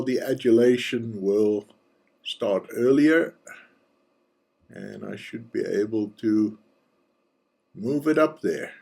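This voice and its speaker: A man with a husky, slightly breathy voice talks through a piece of software at an unhurried, unhurried pace. He thinks aloud as he clicks around, slipping in relaxed, dry jokes along the way. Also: on the low side. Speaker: software reviewer and channel host. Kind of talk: casual screencast walkthrough.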